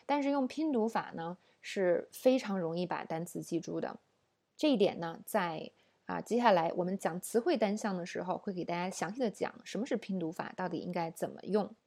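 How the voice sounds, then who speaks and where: A woman's voice: lowish voice, a little fast, warm tone. A woman teaching an online English lesson, explaining at length with rhetorical questions and fillers.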